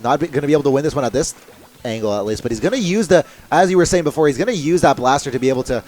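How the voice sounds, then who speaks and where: Brief: young male esports caster, excitable fast live commentary. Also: fairly high pitch. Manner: fast excitable play-by-play with laughs.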